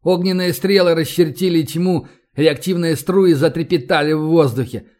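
A man narrating an audiobook in a steady, measured reading voice. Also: a little high.

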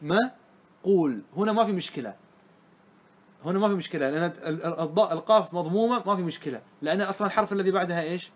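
High-pitched male teacher leading a classroom grammar lesson, patient step-by-step explanations, stretches out key words. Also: rapid-fire. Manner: explains step by step, often checking understanding with the class.

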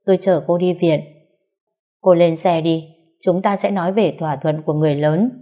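A curt, impatient man in a spoken story, read by a woman in only a lightly changed voice. The tone is dark and mellow and the delivery clipped. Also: on the low side, steady tone, normal speed, close to an everyday voice. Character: impatient man, boy's father.

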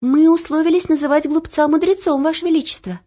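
Woman doing a bright, eager young girl page. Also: high voice, fairly even intonation, quick pace, highs cut off, pitched above the performer's own voice, close to an everyday voice. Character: lively young girl page, bold and caring.

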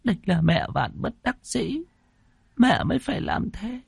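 A man voicing a grieving older landlady mother in a storybook ghost tale, speaking in a hushed, tearful, pleading way. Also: fairly high pitch, sing-song, measured pace, creaky, husky, no echo, voice pushed up, exaggerated voice.

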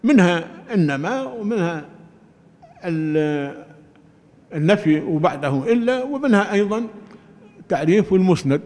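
An older man with a fairly high voice gives a religious lesson, stressing his points deliberately and often restarting a phrase. His voice rings with a long reverb, as if in a large hall. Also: lively intonation, a little mellow. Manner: deliberate, emphatic, with many restarts. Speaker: Quran commentary teacher. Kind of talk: religious lecture.

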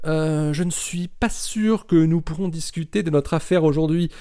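A man voicing a frightened young woman who speaks haltingly. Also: sits low, dark tone, pitched above the performer's own voice. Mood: uneasy. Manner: halting, stumbling.

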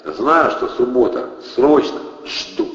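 A man voicing a cool gang leader who gives calm, curt orders. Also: medium pitch, slow pace, voice pushed up. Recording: echoey reverberant dull lo-fi.

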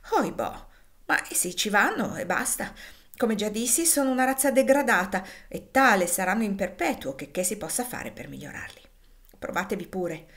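A woman's voice: mid-range voice, natural voice. A woman reading aloud and voicing a petulant, complaining lady of a plantation house in a raised, querulous voice.

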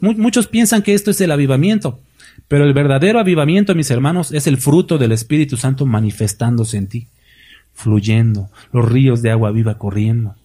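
A man's voice: medium pitch, warm tone, breathy edge. A middle-aged man with a Mexican Spanish accent, preaching a sermon emphatically, with rhetorical questions and acted-out quotes. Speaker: pastor.

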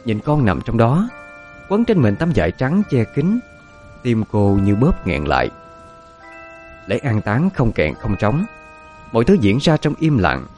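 A man narrating a dark story in a dramatic, expressive reading. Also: mid-range voice, a little slow, pauses often, soft background music. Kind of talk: scripted narration of a ghost story.

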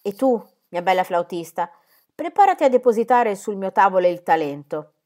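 A woman doing a loud bullying mine overseer. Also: medium pitch, expressive, moderate pace, lightly acted. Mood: menacing. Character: threatening loud male mine overseer, greedy.

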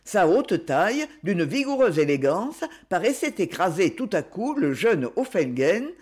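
An audiobook narrator reading a classic novel in a measured, expressive way. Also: mid-range voice. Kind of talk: scripted literary narration.

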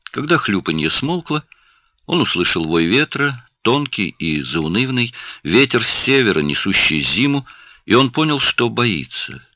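A man narrating an audiobook in an expressive, dramatic reading style. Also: mid-range voice, unhurried, no room sound. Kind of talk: scripted narration. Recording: dry, dull lo-fi sound.

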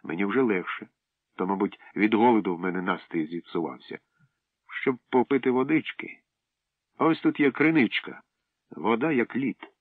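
A man voicing a lively, teasing young girl in a storybook reading. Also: on the low side, moderate pace, no room sound. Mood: resolute. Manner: chirpy, teasing. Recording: dry tinny phone-like sound.

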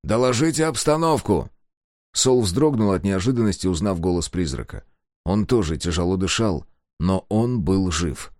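A man narrating an audiobook in an expressive reading voice. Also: deep voice, moderate pace, dry recording, studio quality. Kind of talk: scripted narration.

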